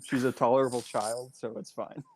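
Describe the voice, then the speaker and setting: A man's voice: medium pitch, fairly even intonation, fairly quick, a loud crowd. A man co-hosting a podcast, making dry remarks and laughing often in casual chat. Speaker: podcast co-host.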